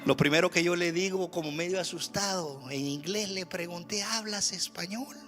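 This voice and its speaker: A man from El Salvador with a Salvadoran Spanish accent, preaching a church sermon in an animated way, moving from loud exhortation to quiet storytelling with joking asides. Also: high-pitched, moderate pace, soft background music. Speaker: pastor. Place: church sanctuary.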